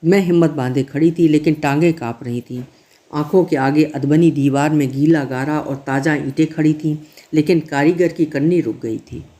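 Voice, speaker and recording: Man, story narrator, measured first-person reading, fairly high voice, mellow tone.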